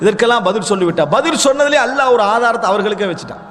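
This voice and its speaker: A man delivers a religious lecture in a notably high voice. He keeps posing questions to the crowd and answering them himself. A long hall reverb trails each phrase. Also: animated, very fast, fairly bright tone. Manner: addresses listeners as dear brothers. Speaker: Islamic preacher.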